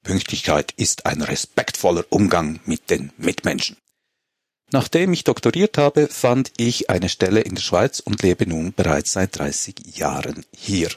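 A man, talking calmly as a guest on a comedic panel show. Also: sits low, measured pace, slightly rough, no room sound, clean studio sound. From Switzerland. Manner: relaxed, reads a letter aloud.

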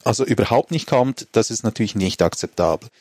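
A man, talking calmly as a guest on a comedic panel show. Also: on the low side, a little fast, slightly rough, dry recording, clean studio sound. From Switzerland. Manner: relaxed, reads a letter aloud.

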